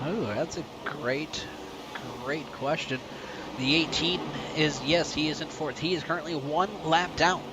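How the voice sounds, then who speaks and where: A man calling a sim race as play-by-play commentator, talkative and building excitement toward the finish. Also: a little high, unhurried, heavy background noise.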